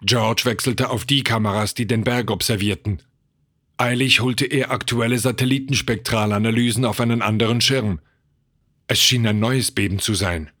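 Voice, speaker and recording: A man narrating a tense audiobook story in a measured way. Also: lowish voice, a bit bright, dry recording, clean studio sound.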